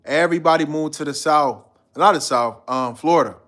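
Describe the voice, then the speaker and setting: Fairly high-pitched and a bit bright, this Guyanese livestream host speaks at a moderate pace. He keeps up a rambling, slang-filled chat with his audience and reads their comments aloud.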